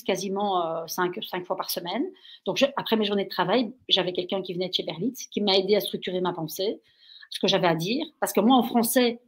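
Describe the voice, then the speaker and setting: A woman's voice: medium pitch, slightly rough. A woman from Belgium, a guest in an interview, telling stories with lots of energy and getting carried away as she talks. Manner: energetic, gets carried away when talking. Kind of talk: animated storytelling.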